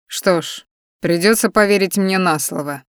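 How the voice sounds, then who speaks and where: A woman reading a storybook voices a cold, domineering man who owns the flat, slow and clipped in his commands. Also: lowish voice, smooth, dry recording, clean studio sound, natural voice.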